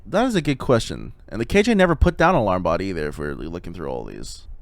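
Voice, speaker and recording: A man talking through replays of a competitive shooter match in casual, lively analysis. His pitch rises and falls a lot as he points things out. He swears now and then. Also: fast, gravelly, no room sound. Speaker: esports analyst. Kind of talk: casual game analysis commentary.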